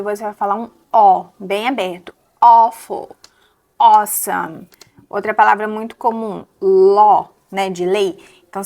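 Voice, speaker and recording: A young adult woman with a Brazilian Portuguese accent, teaching English pronunciation step by step and repeating words slowly to model them. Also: a little high. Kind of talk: pronunciation lesson.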